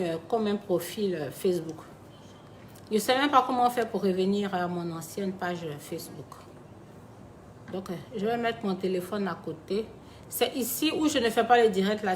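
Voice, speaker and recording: A woman's voice: mid-range voice, a little hiss or hum. Chatty woman livestreaming. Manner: chatty, calls viewers her babies; sombre and reflective when speaking of loss. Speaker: live streamer talking to her followers. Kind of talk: casual live-stream chat. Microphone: phone.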